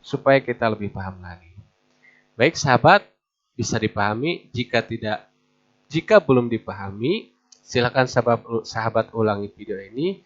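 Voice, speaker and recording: A man teaching Quran recitation rules to beginners, patiently repeating each example with slow, drawn-out recitation. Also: mid-range voice, lively intonation. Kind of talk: tajwid lesson for beginners. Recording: dull lo-fi recording.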